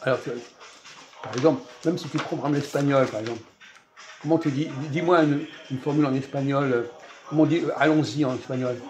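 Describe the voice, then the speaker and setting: A man hosting a casual, teacherly chat in a fast-food restaurant, quizzing his guest with repeated questions and sudden bursts of emphasis. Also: medium pitch, faint music behind.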